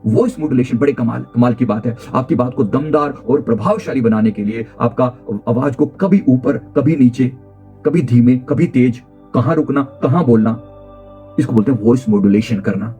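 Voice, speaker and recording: A man as a life coach giving an emphatic motivational talk on communication skills. He repeats key phrases and swings his pitch and pace to show his point. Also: normal speed, dark tone, soft background music.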